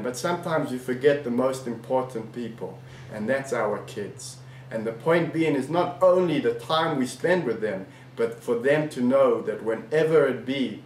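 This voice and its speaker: A man giving a weekly sermon message as a rabbi, telling stories earnestly with emphatic pauses. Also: mid-range voice, slight background noise. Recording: echoey room, mic far off.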